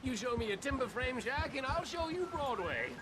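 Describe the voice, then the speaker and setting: A woman's voice: high-pitched, big pitch swings, normal speed, very noisy. An actress playing a stranded, haughty and chatty lady from New York City in an Old West video game, theatrical, genteel and wordy. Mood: disdainful. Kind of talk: video game period drama acting.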